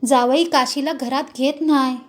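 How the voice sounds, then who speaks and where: A woman's voice: sits high, steady tone, normal speed, lightly acted. A woman voicing a frightened, humble older village father who pleads in a storybook reading. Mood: fearful.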